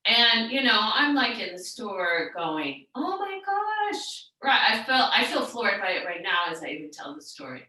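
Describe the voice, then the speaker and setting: Woman yoga teacher, middle-aged, chatty and rambling, bright voice, far from the mic. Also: medium pitch, lively intonation, normal speed, hardly any pauses. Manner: rambling, chatty storytelling with many restarts and fillers. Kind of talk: yoga class talk and guided relaxation. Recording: very echoey room, far from the mic.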